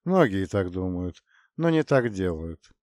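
A man voicing a cold, menacing male spirit of death, speaking slowly and ominously in a storybook. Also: low voice, sing-song, a little mellow, no echo, studio quality.

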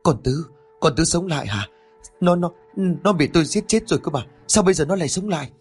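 A man's voice: on the high side, animated, a little fast, breathy edge, soft background music, voice pushed up. Man voicing a frantic guilty young woman. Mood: panicked. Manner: stammering, frantic.

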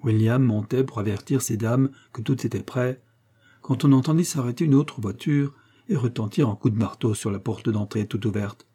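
A man reading a classic novel aloud in measured, even storytelling narration. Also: mid-range voice, breathy edge. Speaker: audiobook reader.

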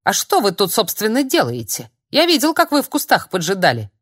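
A woman's voice: sing-song, moderate pace, no room sound, clean studio sound. A woman voicing a jittery old man who grumbles and then shrieks threats. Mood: agitated. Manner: shrill, spluttering outbursts. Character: nervous old man, shrill and menacing.

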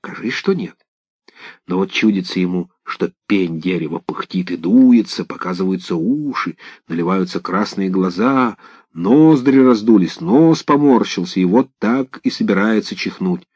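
A man narrating a folk tale in an expressive, dramatic reading. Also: low-pitched, unhurried, breathy edge, dry recording. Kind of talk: scripted storytelling narration. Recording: dull lo-fi dry recording.

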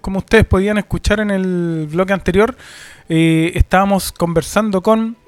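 High-pitched man hosting a radio interview, halting question style. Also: fairly even intonation, smooth, dry recording. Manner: hesitant, many fillers and restarts while framing questions. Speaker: radio show host.

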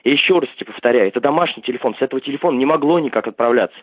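A man speaks over a narrow, tinny landline phone line with dry, close sound. His voice is a bit high for a man and slightly husky. He talks bluntly and keeps repeating himself. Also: rapid-fire, no room sound. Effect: heard over a landline phone. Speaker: call recipient.

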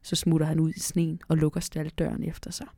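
A woman hosting a children's Christmas podcast. She reads the story aloud in a lively way and often drops to a hushed whisper. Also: low voice, no room sound, studio quality.

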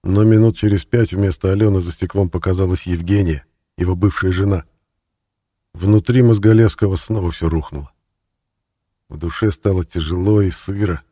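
A man narrating a novel in a steady, measured reading voice. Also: low-pitched, no room sound, clean studio sound. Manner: steady, measured reading, rises to loud acted shouts. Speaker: audiobook narrator. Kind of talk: scripted narration.

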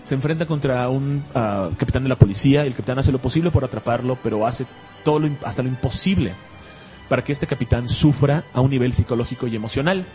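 A man's voice: medium pitch, fast, warm tone. A chatty Mexican man hosting an online radio show about comics. He jokes and laughs easily as he talks, and faint music plays behind him. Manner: chatty, jokey, laughs often. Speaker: radio host.

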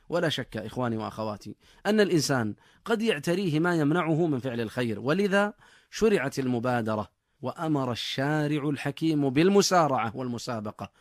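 A man giving a scripted religious radio talk in formal standard Arabic, as a scholar with formal, measured oratory. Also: a little high, dry recording, clean studio sound.

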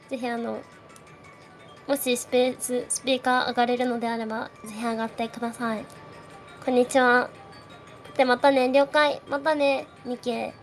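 Young woman, streamer host, casual nervous chat with a shaky voice, slightly high pitch, faint music bed. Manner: nervous, shaky voice, frequent nervous laughs. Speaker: streamer hosting a live audio space. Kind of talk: casual chat greeting listeners.

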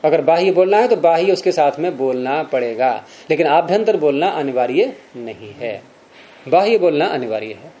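A mellow, fairly high-pitched man leads a class through a grammar text. He reads lines aloud, then breaks them down slowly and puts questions to his students. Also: expressive, highs cut off. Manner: patient, questioning students, slows to spell out examples. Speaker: Sanskrit grammar teacher.

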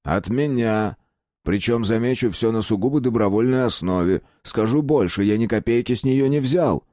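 A man's voice: medium pitch, normal speed, warm tone, dry recording, studio quality, natural voice. A man voicing a cagey middle-aged businessman who pleads and turns sugary.

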